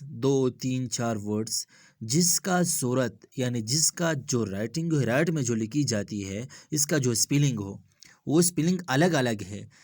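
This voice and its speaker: A young man giving an English lesson who explains patiently and repeats himself, spelling words letter by letter. He mixes English terms into Hindustani with Urdu vocabulary. The recording is dry and close, with a mid-pitched voice. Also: darkish tone, dry recording. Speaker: English teacher.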